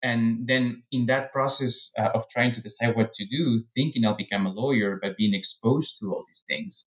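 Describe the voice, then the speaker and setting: A man's voice: medium pitch, normal speed. Man on a tinny line. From Peru. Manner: thoughtful, with frequent restarts and hedging fillers. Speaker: guest author. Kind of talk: academic interview.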